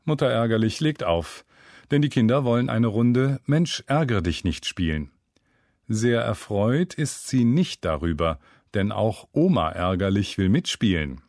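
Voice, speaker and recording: Wry male story narrator, lowish voice. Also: no echo, clean studio sound. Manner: wry, storytelling with lively intonation. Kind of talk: scripted narration.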